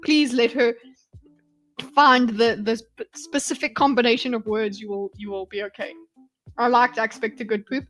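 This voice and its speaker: Woman, slightly high voice, casual reaction commentary, exasperated, blunt, swearing, faint music behind. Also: steady tone, normal speed, a bit bright. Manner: exasperated, pleading asides. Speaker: livestream host reacting to a debate.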